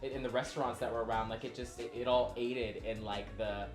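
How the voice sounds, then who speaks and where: A man's voice: medium pitch, fairly even intonation, brisk. A man speaking as a guest in a casual, conversational chat. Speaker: actor guest on the show. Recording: roomy echo, music behind.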